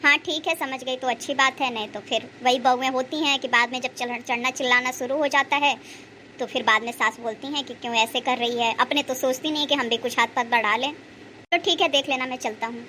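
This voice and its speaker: Woman playing an adult son, blunt, lecturing, high voice, cartoon story. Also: fairly even intonation, brisk, sharp tone, slight background noise.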